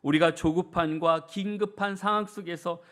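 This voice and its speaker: A man preaching a sermon in a church, earnest and full of rhetorical questions, moving between soft passages and raised, emphatic ones. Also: high-pitched, fairly even intonation, normal speed. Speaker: pastor. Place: church sanctuary.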